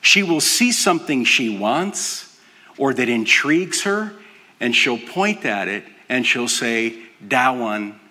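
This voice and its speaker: An older man preaching a sermon, earnest and dropping to a soft hush for emphasis. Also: medium pitch, big pitch swings, slow pace. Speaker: pastor. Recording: long hall reverb.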